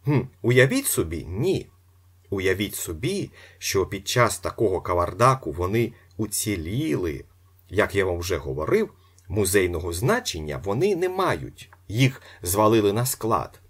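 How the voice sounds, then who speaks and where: A man voicing a brash, boastful young swindler in an audiobook, with a husky voice. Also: fairly low pitch, big pitch swings, a little slow, full character voice. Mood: emphatic. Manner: brash, commanding, theatrical. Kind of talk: audiobook character voice.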